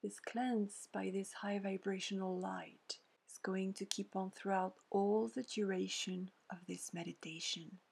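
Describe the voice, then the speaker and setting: Speaking at a medium pitch with fairly even intonation, a woman narrates a scripted guided meditation, her voice soft, breathy and nearly whispered. She soothes gently and leaves pauses between brief phrases.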